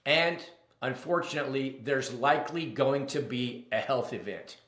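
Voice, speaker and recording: A middle-aged man, a financial advisor, telling a story to camera in a deliberate way. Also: mid-range voice, fairly bright tone. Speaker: financial advisor, firm founder. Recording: roomy echo.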